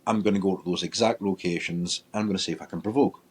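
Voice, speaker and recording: A man, a paranormal investigator, telling a ghost-hunting story in a lively way and acting out his own reactions. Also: sits low, fast, husky. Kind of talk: storytelling in casual chat.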